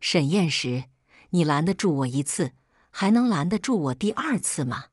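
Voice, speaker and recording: A woman's voice: deep voice, sing-song, normal speed, husky, no room sound, clean studio sound, exaggerated voice. A woman reading the lines of a fragile, manipulative young man who speaks in a tearful, wounded way.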